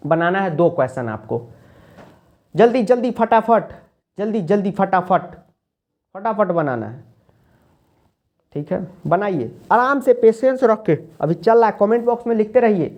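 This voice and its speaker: Playful teacher. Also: male voice, sits high, lively intonation, normal speed, darkish tone, lo-fi sound. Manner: playful, coaxing, repeats check questions. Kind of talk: online class lecture.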